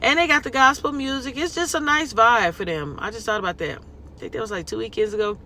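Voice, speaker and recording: A chatty Californian woman talks to her viewers from her car, her voice bright and forward. She keeps it loose and folksy with plenty of y'all and okay thrown in. A faint hum of noise sits under her voice. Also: a little high, fast. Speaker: lifestyle vlogger. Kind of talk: casual chat to viewers.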